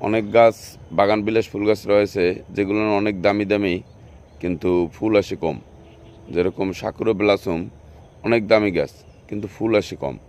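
Here a nursery video host, a man with a Bangladeshi Bengali accent, gives casual narration while walking an outdoor nursery, showing off plants with repetitive sales patter. His voice is deep and a little mellow, with some light hiss or hum in the background.

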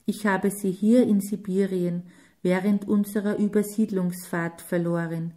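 An earnest grown man who lost his parents as a child tells his story in a slow, mellow voice, as a woman reader speaks his lines. He talks plainly and sincerely, in a storybook reading. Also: medium pitch, flat delivery, natural voice.

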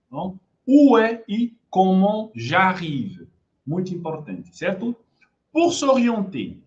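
Speaking in a mid-range voice, this Brazilian teacher with a Brazilian Portuguese accent leads a French class online. She goes over every phrase again with patience and keeps asking how her students are doing.

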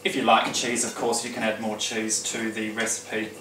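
A man playing a glamorous, genteel lady who hosts a home cooking demonstration with theatrical, drawn-out phrasing. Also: on the low side, little pitch movement, noisy background, natural voice. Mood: poised, instructive. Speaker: cooking show host. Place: indoor home kitchen. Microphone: distant camera microphone. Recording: roomy kitchen, distant mic, clattering dishes.

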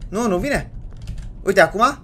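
A gaming YouTuber commenting on a horror game, excitable and slangy, yelling at jump scares and taunting the game character. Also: mid-range voice, slight background noise. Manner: excitable, yells and shrieks at scares, slangy banter to viewers.

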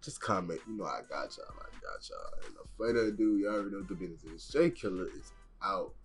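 A man's voice: deep voice, expressive, quick pace, soft background music. A young man hosting a reaction video, talking in casual, profane slang full of fillers. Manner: profane, slangy, rambling with many likes and bros.

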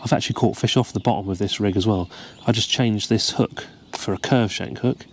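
Outdoors by the water, a man seated over his tackle box calmly shows step by step how to tie a carp rig, explaining as he ties in a casual tutorial. His lowish voice moves a little fast, and there's slight background noise.

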